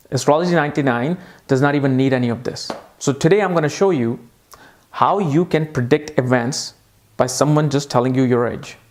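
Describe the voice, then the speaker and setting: A man giving an explanatory video lesson on astrology, emphatic and enthusiastic, repeating points for emphasis. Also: mid-range voice. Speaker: astrology teacher.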